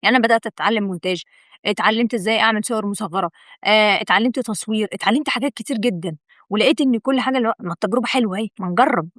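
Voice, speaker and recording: A woman's voice: mid-range voice, rapid-fire, a bit bright, no room sound, clean studio sound. A young woman with an Egyptian Arabic accent, hosting her own video and giving a chatty, encouraging motivational talk straight to the viewer, repeating words for emphasis. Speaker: video host.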